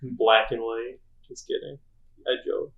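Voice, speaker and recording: A man's voice: mid-range voice, steady tone, a little slow, creaky, narrow, tinny audio. A man co-hosting a casual game podcast, joking and full of fillers. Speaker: podcast co-host. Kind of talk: casual chat. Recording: echoey room.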